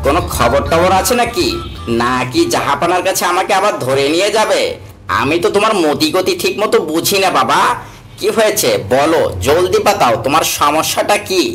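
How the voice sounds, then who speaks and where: Male actor as witty village mullah, cartoon trickster, folksy, animated, teasing delivery, clear background music. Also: a little high, normal speed. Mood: wary, grumbling. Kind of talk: cartoon character acting.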